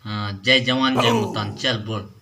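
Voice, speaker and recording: A man's voice: on the low side, fairly even intonation, measured pace. Cheeky Chhattisgarhi man, noisy recording. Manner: loud, cheeky, mishears lines on purpose. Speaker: comedy sketch performer. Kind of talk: comedy sketch banter. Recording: loud background noise.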